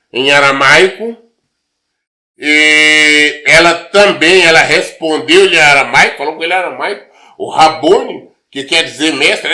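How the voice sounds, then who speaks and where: A man's voice: fairly high pitch, pushed and bright. A male pastor teaching from the Bible in a loose, conversational way, acting out everyday dialogue and asking rhetorical questions. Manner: many fillers and restarts, rhetorical questions.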